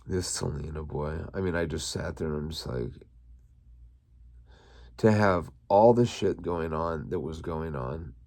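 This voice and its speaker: A man's voice: very deep voice, a little slow, creaky, a little mellow. A man hosting his own channel, going on a crude, heated, swearing political rant. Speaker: channel host.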